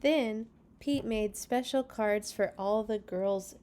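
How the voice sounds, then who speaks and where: A woman hosting storytime reads a picture book aloud to young children, speaking directly to them with expressive delivery. Her voice is mid-range and she takes it slowly.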